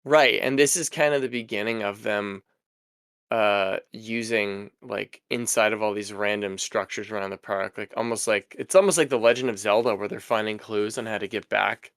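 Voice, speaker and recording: A young man hosting a podcast, chatting casually in a relaxed, rambling way. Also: lowish voice, normal speed, clear, resonant tone, no echo, studio quality. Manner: relaxed, rambling, laughs easily. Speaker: podcast host. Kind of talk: casual chat.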